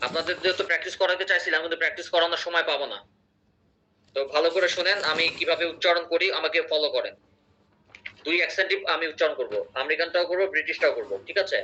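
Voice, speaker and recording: A man runs an online English lesson. His voice sits a little high and sounds very bright and sharp. He explains patiently and keeps asking whether the class is following. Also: rapid-fire, highs cut off, slight background noise. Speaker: English teacher.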